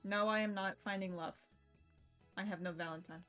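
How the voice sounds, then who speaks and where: A young adult woman live streams a visual novel game, rambling and joking casually, swearing now and then and reading text aloud as the game's music plays behind her. Her medium-pitched voice is steady, moderately paced and a bit bright.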